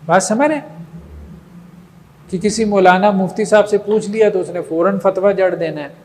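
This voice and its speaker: High-voiced male religious lecturer, reverberant. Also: normal speed, darkish tone. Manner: rhetorical, checks in with listeners often. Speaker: religious teacher. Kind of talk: lecture on moral training. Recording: long reverb.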